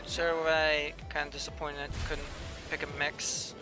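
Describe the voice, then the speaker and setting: Though he's a chatty young male game streamer reading chat on a casual live stream, his delivery is completely flat and a little slow. His voice is slightly high and a bit whiny, as he says himself, and he mumbles asides while playing over clearly audible background music.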